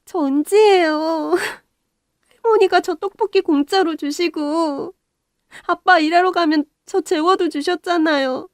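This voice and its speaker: A woman's voice: on the high side, expressive, moderate pace, darkish tone, no room sound, studio quality, lightly acted. A woman voicing a tearful young rich woman. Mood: earnest. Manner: pleading, emotional. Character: young wealthy woman in her early thirties, kind and tearful.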